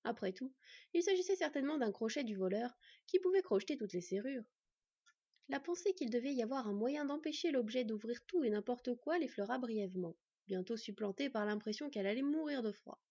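A woman narrates a fantasy novel aloud with expressive storytelling. Her fairly high voice is breathy and close, and the recording sounds dry and a little dull. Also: a little fast, no echo. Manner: expressive storytelling, acting out the characters. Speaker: audiobook narrator.

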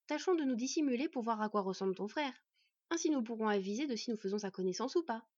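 A woman's voice: on the high side, lively intonation, quick pace, darkish tone, husky, no echo, highs cut off. A woman voicing a protective she-wolf in human form who speaks carefully and hesitantly.

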